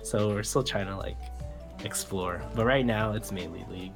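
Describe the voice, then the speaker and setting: A man's voice: on the low side, moderate pace, gravelly, over music. A young man hosting a casual podcast with friends, laid-back and joking. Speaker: podcast host. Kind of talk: casual chat among friends.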